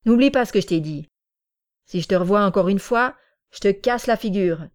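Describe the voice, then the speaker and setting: A woman reading an audiobook, voicing an angry, threatening young village man who shouts accusations. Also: mid-range voice, lively intonation, normal speed, lightly acted. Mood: furious.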